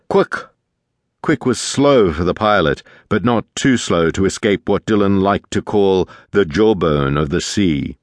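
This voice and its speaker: Deep-voiced male audiobook narrator. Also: no room sound, studio quality. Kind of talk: scripted narration.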